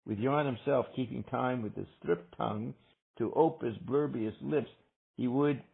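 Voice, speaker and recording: Guy reading tricky literary stuff out loud, careful, husky creaky voice, thin phone-like audio. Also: mid-range voice, a little slow. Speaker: reader in a book discussion. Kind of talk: reading dense literary prose aloud with discussion. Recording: thin, narrow-band call-like audio.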